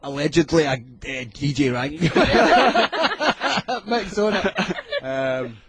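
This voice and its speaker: A man's voice: a little high, big pitch swings, extremely slow, very noisy. A Scottish man guesting in a radio studio, chatting casually and rambling with lots of ums and restarts. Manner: rambling, hesitant, with many fillers and restarts. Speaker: music producer guest. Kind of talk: casual radio interview chat.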